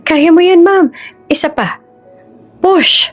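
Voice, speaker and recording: A woman voicing a brisk, encouraging young nurse who coaches a patient in a high, urgent voice. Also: lively intonation, a little mellow, faint music behind.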